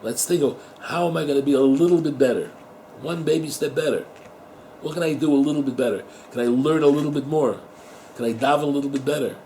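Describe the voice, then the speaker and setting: Rabbi in middle age, relaxed warm tone, chatty talk to students with Hebrew terms mixed in. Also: male voice, medium pitch, fast, slight background noise, rough recording. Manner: conversational, repeats words, asks the listeners rhetorical questions; mixes Hebrew and Yiddish terms into English. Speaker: rabbi teaching at a yeshiva. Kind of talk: informal Torah talk to students.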